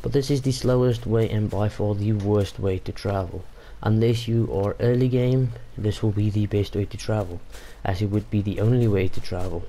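In a dark, lowish voice with a steady tone, this gaming YouTuber, a young native Afrikaans speaker, comments casually on his play at normal speed with few pauses. The talk rambles, with frequent fillers and restarts, over a faint hiss or hum.

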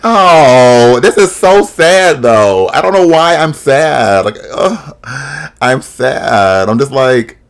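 A man's voice: mid-range voice, animated, takes it slowly, smooth. A young man hosting a reaction video from a small room on a webcam and desk mic, cracking sassy, shady jokes and laughing often. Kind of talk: casual reaction commentary. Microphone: desk microphone, webcam.

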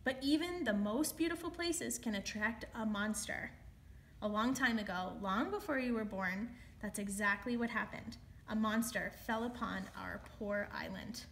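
A woman doing a hushed, grouchy old super. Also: medium pitch, normal speed, close to an everyday voice. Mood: solemn. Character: grumpy old male building super.

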